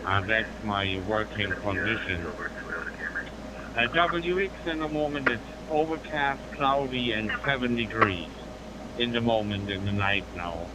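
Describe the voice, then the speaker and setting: Low-voiced German man on noisy two-way radio. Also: a little slow. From northwest Germany. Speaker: amateur radio operator. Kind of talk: ham radio contact chat. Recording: noisy digital handheld radio transmission.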